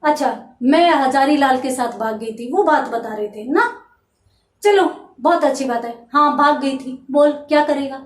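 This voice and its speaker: A woman's voice: sits high, moderate pace, echoey room, recorded from a distance, lightly acted. A woman voicing an angry, wronged wife who taunts and threatens the man who slandered her. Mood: taunting.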